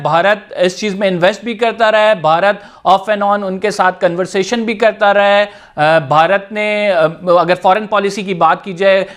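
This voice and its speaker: A man's voice: sits high, a bit bright. A man with a Pakistani Urdu accent hosting a TV current-affairs interview, asking formal, long-winded questions. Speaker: TV talk show host.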